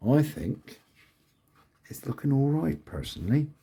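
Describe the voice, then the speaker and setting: A man's voice: medium pitch, big pitch swings, a little slow, mellow, breathy edge. A man building a scale model kit, mumbling and thinking aloud to himself in a casual commentary to his viewers.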